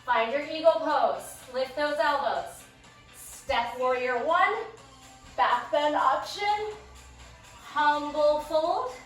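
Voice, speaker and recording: A woman's voice: high-pitched, lively intonation, takes it slowly, fairly bright tone. A woman fitness instructor calling out short, upbeat exercise cues while out of breath, working in a small space. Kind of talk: cueing a workout class. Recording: echoey room, distant mic, background music.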